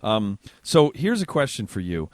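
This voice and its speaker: A man's voice: lowish voice, big pitch swings, normal speed, darkish tone, dry recording. A middle-aged man hosting a podcast, chatty and joking with his guest. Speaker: podcast host. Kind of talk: casual podcast interview.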